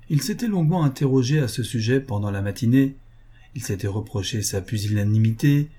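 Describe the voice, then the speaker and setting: A male audiobook narrator reading a classic novel in a measured, even way. His voice is dark and husky, with a low, soft sound. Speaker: audiobook reader. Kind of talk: scripted narration.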